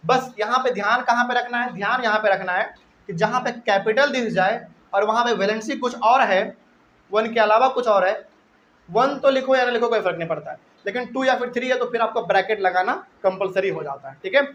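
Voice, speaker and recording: A young man teaching chemistry to a class, repeating key terms slowly and often checking in with his students. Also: high-pitched, fairly bright tone, highs cut off, slight background noise. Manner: repetitive, drawn-out, checks in with students. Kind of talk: classroom lecture. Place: classroom with live and online students.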